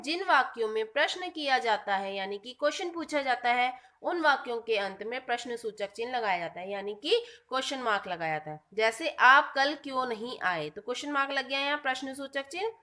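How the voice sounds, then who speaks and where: एक शिक्षिका जो बच्चों को व्याकरण का पाठ पढ़ाती है और बीच-बीच में पूछती है कि समझ आया या नहीं।. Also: female voice, on the high side, bright, forceful tone. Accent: Hindi. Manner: asks pupils check questions, explains simply. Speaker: school teacher. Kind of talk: classroom grammar lesson.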